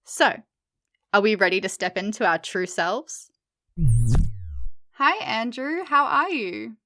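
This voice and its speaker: A woman podcast host with a fairly high voice. She opens with a prepared welcome, then chats in a friendly, upbeat way with her guest. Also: expressive, slow pace, bright, forceful tone. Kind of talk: podcast interview.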